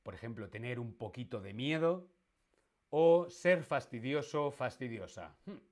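A man's voice: mid-range voice, expressive, unhurried, darkish tone. A man with a Spain Spanish accent teaching a live-streamed language lesson, playful and quizzing his viewers, repeating each question. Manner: makes animal noises in jest.

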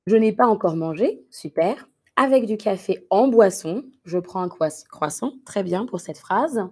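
A woman's voice: mid-range voice, animated, darkish tone. A woman teaching a live online French lesson, patiently reading dictation sentences and correcting students' answers. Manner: slow, patient, encouraging; repeats practice sentences slowly and clearly.

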